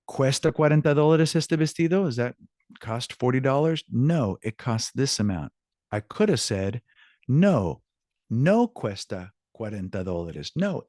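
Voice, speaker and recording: A Spanish teacher gives an online language lesson in an informal, encouraging way, explaining examples and switching between two languages. His voice is mid-range with a darkish tone, recorded dry at studio quality through a video-call microphone.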